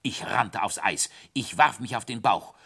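A man narrating a children's story in the first person, with animated, dramatic delivery. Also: on the low side, measured pace, creaky, breathy edge.

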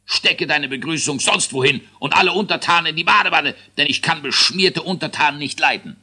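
A man's voice: a little high, fairly quick, sharp tone, breathy edge, voice pushed up, exaggerated voice. A man voicing a grumpy, short-tempered dwarf king who grumbles and blusters. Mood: furious.

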